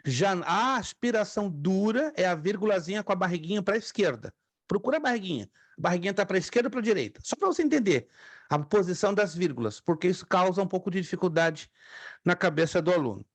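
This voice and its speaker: In an online Greek lesson, a man with a high, sing-song voice talks fast with no echo. He's a pastor teaching a theology class, patiently drilling Greek pronunciation and repeating the key points.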